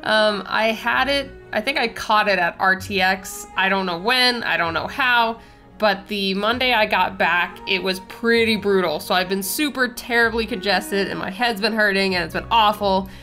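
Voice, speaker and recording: Sketching while she chats, this young art-channel host has a cold that leaves her a little nasal and congested. Her voice is mid-range, pushed and bright, at a moderate pace, with soft background music. The talk wanders in a chatty, fannish ramble.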